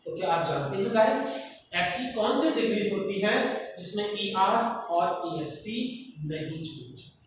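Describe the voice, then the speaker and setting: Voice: medium pitch, expressive, unhurried. A teacher giving a classroom grammar lesson, explaining step by step, repeating the rules and quizzing the students. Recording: echoey room from far off, faint noise.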